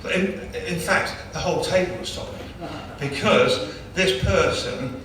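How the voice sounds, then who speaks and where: A man tells a chatty, joking story at a gala dinner. His voice is bright and forceful, heard from a distance. The big hall gives it a strong, roomy echo. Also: high-pitched, a little slow, a little hiss or hum. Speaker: club chairman giving an award speech. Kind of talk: after-dinner presentation speech. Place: large banquet hall. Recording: echoey hall, distant mic.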